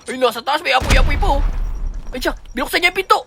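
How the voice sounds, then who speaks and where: A young man giving excitable, taunting live gameplay commentary, swearing playfully and laughing often. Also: very high-pitched, fast talker, vocal fry, noisy background. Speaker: gamer streamer. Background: game music and sounds.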